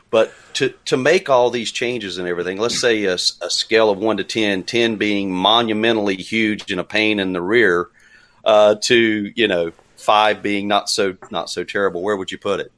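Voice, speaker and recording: A man's voice: fairly low pitch, fairly bright tone. A man co-hosting a podcast, asking questions in a folksy, self-deprecating, rambling way. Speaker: podcast co-host. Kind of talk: casual podcast chat.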